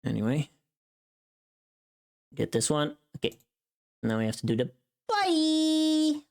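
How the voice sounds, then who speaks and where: While working, this very deep-voiced woman talks casually to her livestream in a halting, informal way, muttering quietly to herself between comments. Her pitch swings enormously, and her voice is smooth and slightly mellow.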